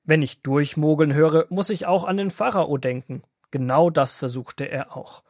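A man narrating as a grandfather figure, reading a Bible story aloud in a calm storytelling manner for a children's audio drama. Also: on the high side, normal speed, no echo, studio quality, natural voice.

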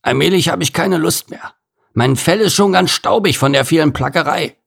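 A man's voice: a little high, normal speed, gravelly, a bit bright, breathy edge, voice pushed up, full character voice. A man reading a storybook and voicing a grumbling, overworked male circus gorilla who thinks himself an artist. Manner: grumbling, complaining, pompous when speechifying.

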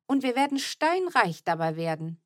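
A woman's voice: a little high, very animated, normal speed, a bit bright, no room sound, clean studio sound. A woman reading the lines of a cheerful boy who chatters on eagerly in an audiobook. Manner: eager, rattling on.

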